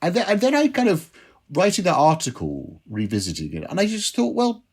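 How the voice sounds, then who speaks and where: A man's voice: a little high, huge pitch swings, a little fast, slightly rough. A man, a drinks writer, telling self-deprecating anecdotes as a guest in an interview. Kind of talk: interview storytelling.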